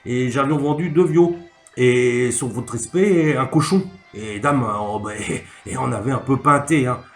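A man's voice: mid-range voice, voice pushed up, natural voice. A man doing a stammering rustic peasant. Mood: rambling. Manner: thick country dialect, stammering, halting. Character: clumsy rustic peasant man, rambling storyteller. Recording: echoey room, faint music.

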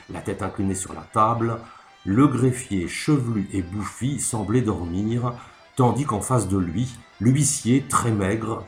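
A man narrating a literary story in an expressive, measured reading. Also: fairly low pitch. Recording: echoey room, faint music.

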